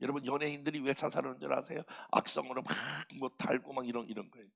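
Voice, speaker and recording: 60대 남자 목사가 교회 예배당에서 농담을 섞어 가며 회중에게 직접 말을 건네듯 설교한다. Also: male voice, mid-range voice, fairly even intonation, fast talker, creaky, fairly bright tone. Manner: folksy, joking, talks straight to the congregation. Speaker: pastor. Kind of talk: sermon. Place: church sanctuary.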